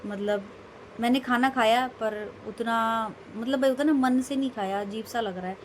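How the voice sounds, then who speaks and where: A woman's voice: on the high side, moderate pace, a little hiss or hum. A young woman vlogging casually, telling a rambling, emphatic story about her day. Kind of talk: casual vlog monologue.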